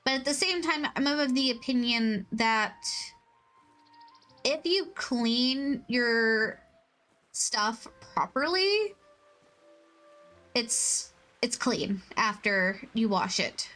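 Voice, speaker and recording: Streamer, female, unhurried giggly chat over soft music, self-deprecating. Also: a little high, expressive. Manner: rambling, giggly, self-mocking. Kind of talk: casual game stream chat. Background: soft background music.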